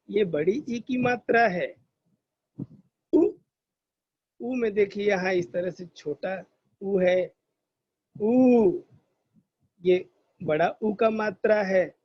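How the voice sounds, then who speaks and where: A man's voice: sits high, slow, pauses often, husky, dry recording. A male teacher giving an online grammar lesson to children, explaining patiently and drawing out sounds as examples. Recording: dull lo-fi recording.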